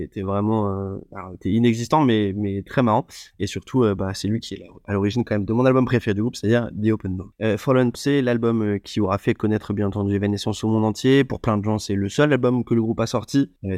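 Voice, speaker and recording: A man's voice: on the low side, a little mellow, no room sound, clean studio sound. A man hosting a solo podcast, talking without a script and hesitating often, with many fillers and restarts. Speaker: podcast host. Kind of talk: unscripted solo podcast talk.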